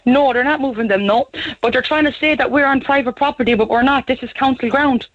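A woman's voice: high-pitched, brisk. A young Irish woman calling a radio show over the phone. She sounds anxious and shaken, and her talk is pleading and full of repeats. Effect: heard over a phone line. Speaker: caller. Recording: tinny phone line on radio.

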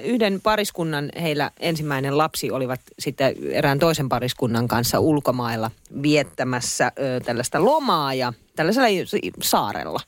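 A co-host in casual chat, reacting quickly and telling stories expressively. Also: mid-range voice, animated, no echo. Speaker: podcast co-host.

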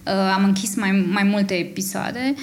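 A woman's voice: medium pitch, steady tone. Candid, hesitant Romanian woman. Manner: open and reflective, with frequent hesitations. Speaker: podcast guest. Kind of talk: candid conversational interview.

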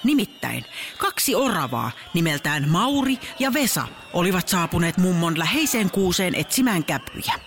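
A woman narrating a children's story in an expressive storybook manner. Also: on the low side, background noise.

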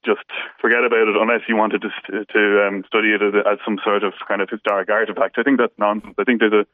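A man in a radio debate, speaking very haltingly with many false starts. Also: on the low side, flat delivery. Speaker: phone-in debater. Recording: narrow phone-like radio line.

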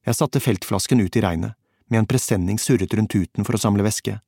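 Low-voiced male audiobook narrator. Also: vocal fry, mellow, breathy edge, no room sound, studio quality. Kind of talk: scripted first-person narration.

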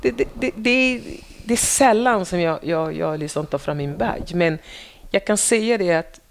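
Gravelly woman police officer, animated storyteller. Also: on the low side. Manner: animated storytelling, acts out quotes, repeats words. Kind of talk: casual conversation.

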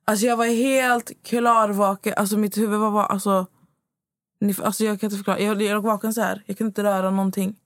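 A young woman, a podcast guest, talking haltingly with many restarts. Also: mid-range voice, flat delivery, dry recording, studio quality. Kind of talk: casual podcast chat.

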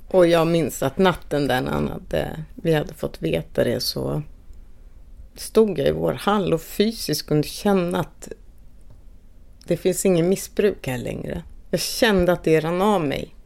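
A middle-aged woman speaking haltingly and with quiet emotion as she recalls a personal loss. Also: low voice, creaky. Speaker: bereaved mother interviewed. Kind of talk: personal recollection.

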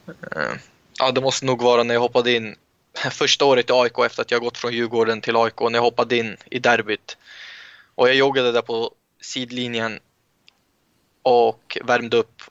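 A young man from Sweden, a footballer guest in an interview, telling relaxed anecdotes with frequent restarts. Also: medium pitch, clear, resonant tone, no room sound, lo-fi sound. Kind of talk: casual interview storytelling.

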